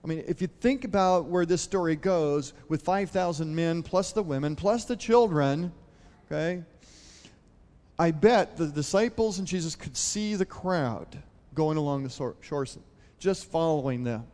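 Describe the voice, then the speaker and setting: A man preaches in a church hall, his slightly high voice trailing into a long reverb. He retells a Bible story in an easy, talky way and keeps turning to the congregation with questions. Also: measured pace, darkish tone. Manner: conversational, asks the congregation questions. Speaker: pastor.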